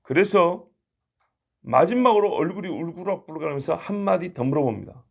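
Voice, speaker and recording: Gravelly-voiced male pastor preaching. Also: a little high, animated, fairly quick. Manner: conversational, acts out the quoted lines. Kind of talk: sermon.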